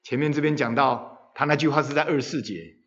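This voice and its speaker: A man preaching a sermon to his congregation. He asks questions of his listeners and leans hard on key words, rising loud and then dropping low. The sound is dull and lo-fi. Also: a little fast. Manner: rhetorical questions to the congregation, dramatic rises in volume. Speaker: pastor. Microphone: handheld microphone.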